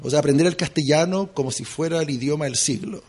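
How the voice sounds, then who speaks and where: Male radio guest, rapid and animated, slightly high voice. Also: slightly rough. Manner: fast, animated storytelling. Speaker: guest writer. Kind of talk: casual radio interview.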